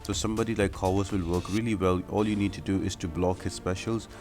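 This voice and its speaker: With music playing behind him, a gaming video creator offers fight tips in a casual, step-by-step walkthrough meant to instruct. His voice is low, steady, and a little mellow, and he talks fast.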